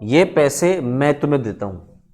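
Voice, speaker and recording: A male teacher acting out a smooth-talking schemer who offers help, in a coaxing, friendly way. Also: mid-range voice, lively intonation, normal speed, darkish tone, lightly acted.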